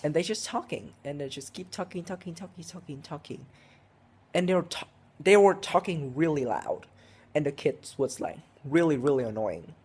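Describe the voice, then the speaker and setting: A man's voice: fairly high pitch, lively intonation, normal speed, a little mellow, slightly rough. Rambling teen boy. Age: teenager, 16. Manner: rambling, heavy with "like" and "um", frequent restarts. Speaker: vlogger. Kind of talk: casual storytelling vlog.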